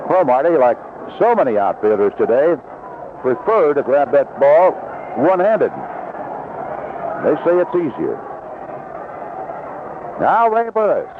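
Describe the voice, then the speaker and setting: A man's fairly high, very animated voice calls baseball from an outdoor broadcast booth, speaking a little slowly with long pauses between live commentary and promo reads. The noisy vintage AM audio is band-limited, narrow and tinny.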